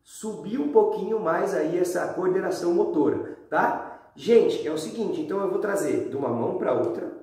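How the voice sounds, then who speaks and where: A man's voice: high voice, normal speed. A man in his thirties with a Brazilian accent, giving a casual, chatty lesson to schoolchildren. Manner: animated, chatty, addressing pupils directly. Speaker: school physical education teacher. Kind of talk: casual video lesson for children. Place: bare indoor room at home. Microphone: camera a few metres away. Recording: very echoey room, distant microphone.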